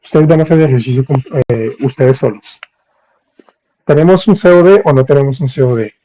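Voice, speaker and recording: Guy running a live french class, mellow voice, reads the chat and spells stuff out slowly. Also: medium pitch. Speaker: French teacher. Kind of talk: live-streamed language lesson.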